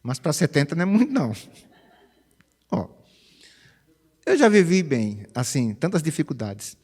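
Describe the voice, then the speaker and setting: A man preaches in a chatty, animated way, often tagging his phrases with a questioning "né?". His voice sits somewhat high, and his pitch swings widely. The sound carries the long reverb of a church hall. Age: 50s. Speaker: pastor. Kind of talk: conversational sermon. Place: church sanctuary.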